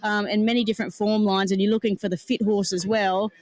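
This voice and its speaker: A man's voice: sits high, little pitch movement, darkish tone. Upbeat racing analyst, a man. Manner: upbeat, quick tipster banter. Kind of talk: racing broadcast chat.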